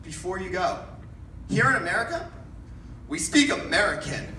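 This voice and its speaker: A man's voice: high voice, very animated, moderate pace, exaggerated voice. Comic voicing an angry, bullying male customer. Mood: curt. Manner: curt, then yelling. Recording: roomy room, distant mic, background noise.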